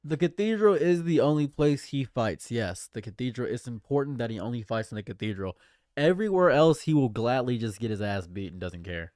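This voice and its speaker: A man's voice: mid-range voice, very animated, a little fast, a little mellow, dry recording, studio quality. A man in his late twenties chatting casually on a livestream, rambling and repeating his phrases. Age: late 20s. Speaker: streamer.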